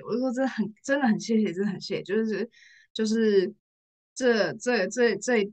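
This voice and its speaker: Emotional young Taiwanese woman telling a story. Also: mid-range voice. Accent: Taiwanese Mandarin. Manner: emotional, repeats phrases, laughs through tears. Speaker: podcast guest, rehearsal studio owner. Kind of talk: casual storytelling chat.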